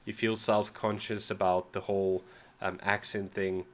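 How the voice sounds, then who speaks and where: Slightly under the weather, a South African music reaction host who grew up speaking Afrikaans chats casually on video. He talks a little slowly in a lowish, level voice, rambling self-deprecatingly and frequently restarting words.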